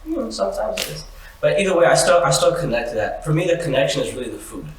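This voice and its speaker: A man's voice: on the high side, sing-song, fast, distant mic. A young man, a musician guest born in Colombia and raised in the United States, talking in an easygoing, thoughtful way with many fillers. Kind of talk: casual interview chat. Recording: very echoey room, off-mic, faint hiss.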